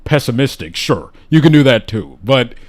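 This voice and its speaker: A man with a mid-range, sing-song voice hosts a casual live podcast chat at a moderate pace. He talks enthusiastically and rambles with restarts, hiccuping now and then.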